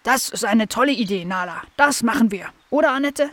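A woman voicing a calm, helpful male beaver in a children's audio story, easygoing in manner. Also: fairly high pitch, fairly quick, no room sound.

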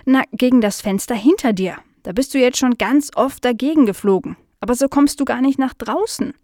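A woman voicing an eager, easily indignant young female dog in a children's audio story, speaking high and loud. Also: lively intonation, moderate pace, no room sound, clean studio sound, lightly acted. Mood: insistent.

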